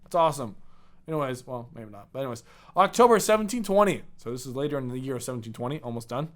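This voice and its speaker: A young male podcast co-host tells pirate history in a casual, chatty storytelling style, frequently restarting his sentences. His medium-pitched voice is expressive, and he talks at a quick pace.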